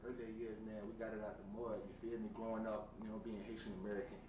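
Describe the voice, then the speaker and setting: A young rapper from South Florida, guesting in a casual interview, talks fast in a lowish voice with little pitch movement, using laid-back street slang and often saying "you feel me." The recording is muffled and roomy, from a distant mic with noise.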